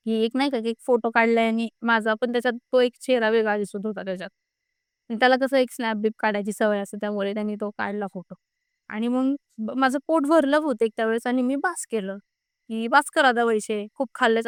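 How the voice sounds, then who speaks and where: A woman's voice: on the high side, fast, clear, resonant tone, dry recording, clean studio sound. A young woman casually recounting her own frightening experience, retelling what everyone said in quoted bits. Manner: animated retelling with repeated quoted speech. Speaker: guest telling her own ghost experience. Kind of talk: casual spoken storytelling.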